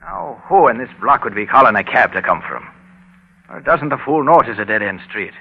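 An actor playing a genial, chatty beat cop in a 1930s-style radio drama, with an Irish accent and a folksy way of talking. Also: male voice, medium pitch, sing-song, brisk, gravelly, a little hiss or hum. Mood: grumbling. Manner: folksy, talkative. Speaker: beat policeman. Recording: dull old radio recording.

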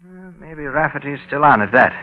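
An actor playing a genial, chatty beat cop in a 1930s-style radio drama, with an Irish accent and a folksy way of talking. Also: male voice, on the high side, moderate pace, close to an everyday voice. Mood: musing. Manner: folksy, talkative. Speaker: beat policeman. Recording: dull old radio recording.

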